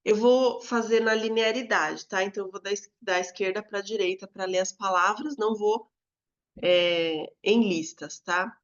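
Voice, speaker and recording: Speaking at a medium pitch, this Brazilian-accented woman gives a calm recorded video lesson, drawing out words in a sing-song call to mark stress. The audio sounds dull.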